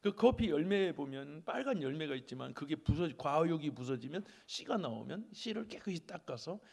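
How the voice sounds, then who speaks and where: Animated preacher with gravelly voice. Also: male voice, a little high, moderate pace, big-room sound. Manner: animated, acts out family members in quoted voices. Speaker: pastor. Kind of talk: sermon. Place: church sanctuary.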